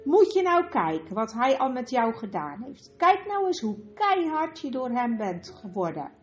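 A woman's voice: sing-song, measured pace, dull audio, faint music behind. A woman voicing a cruel, scheming female witch in a storybook reading, coaxing and scornful. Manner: coaxing then shrill and scornful.

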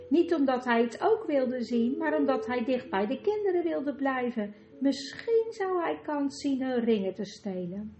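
A woman narrating an audiobook calmly and evenly. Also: a little high. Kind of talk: scripted narration.

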